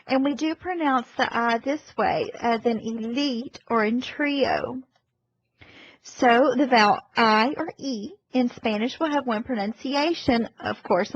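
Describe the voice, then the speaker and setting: Slow, careful woman with a lo-fi sound. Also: a little high. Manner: slow, careful, over-articulated. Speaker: language teacher. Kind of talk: narrated slide presentation. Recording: dull lo-fi voice-over.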